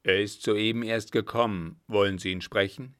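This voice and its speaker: A man voicing a loyal, excitable coachman who exclaims loudly, in a storybook reading. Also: lowish voice, moderate pace, close to an everyday voice. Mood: eager.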